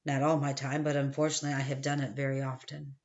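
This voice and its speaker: A woman's voice: rumbling low, flat delivery, fast talker, darkish tone, dull audio. A woman reading an audiobook, voicing a timid, frightened schoolboy confessing to a priest. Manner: hesitant, subdued.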